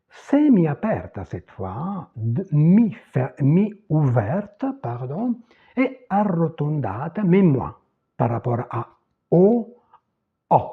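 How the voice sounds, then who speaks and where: Guy teaching a language at a whiteboard, slightly high voice, thin phone-ish sound. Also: slightly rough, narrow, tinny audio. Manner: slow, lively, modeling pronunciation word by word.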